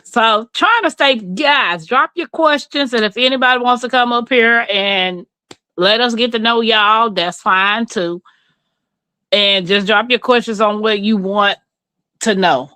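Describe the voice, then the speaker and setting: With a Southern accent and a fairly high, bright, forceful voice, this middle-aged Mississippi woman speaks unhurriedly to her livestream audience. She's folksy and candid in her casual chat, and the sound is smooth with no echo.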